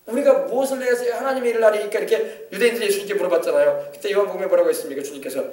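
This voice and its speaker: A man's voice: high-pitched, very fast, a little mellow, reverberant, far from the mic. A male pastor preaching a sermon with emphasis, often asking the congregation to confirm. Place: church sanctuary.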